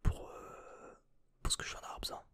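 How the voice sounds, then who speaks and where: A man's voice: brisk, fairly bright tone. A young man whispering through an unboxing vlog in his bedroom into a desk microphone, hesitant and rambling with mild swearing. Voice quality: breathy whisper. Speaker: vlogger.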